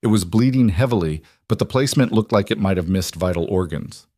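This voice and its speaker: Guy reading a frontier story, steady pace, lowish voice, dead dry. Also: a little fast, no room sound. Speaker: narrator. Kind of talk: scripted story narration.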